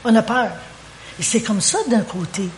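A woman's voice: fairly high pitch, normal speed, a little hiss or hum. A woman with a Québécois French accent preaching a sermon, talking animatedly and repeating words as she searches for phrasing. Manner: animated, acts out quoted prayers and dialogue.

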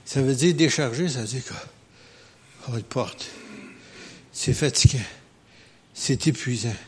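A man preaching a sermon as pastor, animated and emphatic, with joking asides. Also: mid-range voice, measured pace, slight background noise.

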